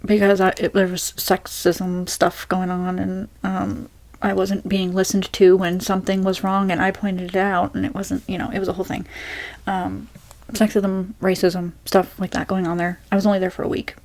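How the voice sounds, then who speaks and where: Soft-spoken woman rambling through a Q&A. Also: mid-range voice, little pitch movement, moderate pace. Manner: rambling, many fillers and restarts. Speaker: ASMR creator.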